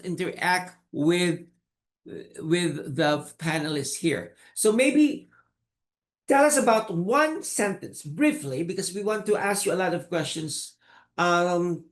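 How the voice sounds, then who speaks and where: A man hosting an online student panel, speaking slowly with repeated prompts and encouragement. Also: high voice. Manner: slow, repetitive, encouraging. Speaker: host.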